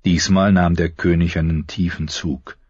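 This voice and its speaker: A man narrating an audiobook in a measured, dramatic reading style. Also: sits low, flat delivery, darkish tone, husky, dry recording, muffled recording. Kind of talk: scripted narration.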